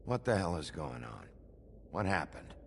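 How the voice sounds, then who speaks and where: An actor playing a gruff, world-weary wolf-man lawman in a video game, terse, tough and restrained, with a deep gravelly voice. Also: sing-song, normal speed, heavily acted. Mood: questioning, wary. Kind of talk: video game character acting.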